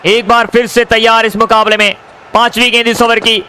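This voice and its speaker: A man giving excited live cricket commentary, addressing viewers as friends and repeating stock phrases. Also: extremely high pitch, fairly quick. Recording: crowd and noise behind the voice.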